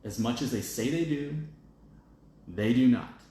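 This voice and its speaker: A man's voice: mid-range voice, a little slow, warm tone, a little hiss or hum. Blunt man ranting in an echoey room. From United States. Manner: blunt, emphatic, repeats "okay?" and "all right?"; reads out viewer comments. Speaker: host of an opinion show. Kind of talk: casual opinion monologue.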